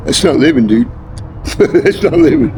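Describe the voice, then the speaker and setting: A middle-aged American man with a folksy country drawl, chatting casually in a rambling, halting, profane way. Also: expressive. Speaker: homeless interviewee. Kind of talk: casual street chat. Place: outdoors near railroad and traffic. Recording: noisy outdoor recording with traffic rumble.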